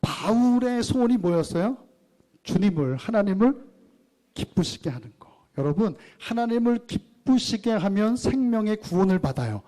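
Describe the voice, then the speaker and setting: Dark-voiced pastor preaching to his congregation. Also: normal speed. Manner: asks the congregation questions and leads them in reading scripture; lively, shifting between raised and low quiet phrases. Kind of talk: sermon.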